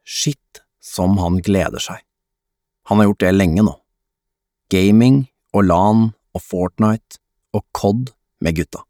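Low-voiced male audiobook narrator. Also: warm tone, dry recording, studio quality. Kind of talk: scripted narration.

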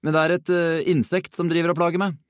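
A man's voice: medium pitch, a little mellow, no room sound, clean studio sound, close to an everyday voice. A man voicing a cheeky schoolboy who talks in a teasing, mock-innocent way.

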